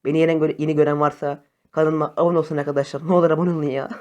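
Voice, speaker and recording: A young man chatting casually to his viewers over phone gameplay, excitable and friendly. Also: on the high side, racing. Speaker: gaming YouTuber. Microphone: phone camera facecam.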